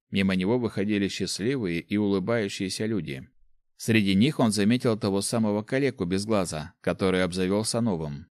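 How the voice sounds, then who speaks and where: A man narrating a fantasy audiobook in a measured, expressive storytelling manner. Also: on the low side, dry recording, studio quality.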